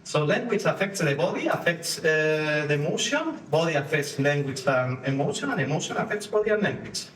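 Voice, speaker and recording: A man from Spain with a Spanish accent, giving a live conference talk with halting phrasing and frequent restarts while acting out postures and inner voices for the audience. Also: fairly high pitch, animated, a bit bright. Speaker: conference speaker. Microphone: distant room mic. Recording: echoey room from far off, faint noise.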